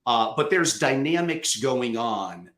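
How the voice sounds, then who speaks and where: A man's voice: medium pitch, lively intonation, takes it slowly, a bit bright. A male host asking questions and commenting with wry, opinionated remarks. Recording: echoey room.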